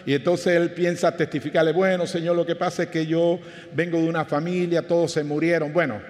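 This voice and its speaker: Male pastor, Panamanian Spanish accent, sermon, chatty storytelling, fairly high voice, long hall reverb. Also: little pitch movement, a little fast, darkish tone. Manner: conversational preaching with anecdotes and questions to the congregation.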